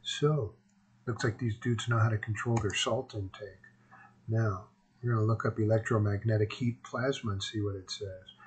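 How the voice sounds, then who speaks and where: A man's voice: on the low side, husky, low-quality recording. A man narrating a homemade explainer in an informal, rambling way, his words slurred by missing teeth. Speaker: host of a self-made video series. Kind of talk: casual narrated explainer, partly reading aloud.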